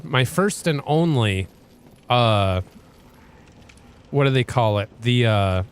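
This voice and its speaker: A man's voice: mid-range voice, clean tone. A man hosting a let's play, giving casual gameplay commentary in a rambling, hesitant way with frequent restarts.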